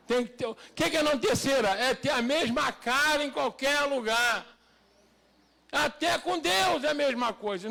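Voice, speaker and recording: A man's voice: very high voice, creaky, fairly bright tone. A male pastor delivering a sermon, peppering it with rhetorical questions to the congregation and rising to emphatic, raised passages.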